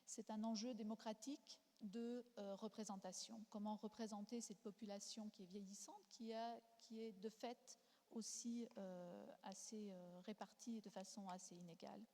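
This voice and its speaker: A woman's voice: medium pitch, fairly even intonation, normal speed, warm tone. A woman speaking French with a foreign accent, hesitantly searching for words as she makes her point in a panel debate. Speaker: panel speaker, demography expert. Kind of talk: unscripted panel debate contribution. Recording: reverberant hall sound.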